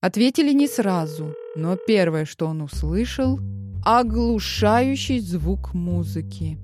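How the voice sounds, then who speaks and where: A woman narrating an audiobook in a measured, dramatic storytelling manner. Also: fairly low pitch, lively intonation, darkish tone, soft background music. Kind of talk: scripted narration.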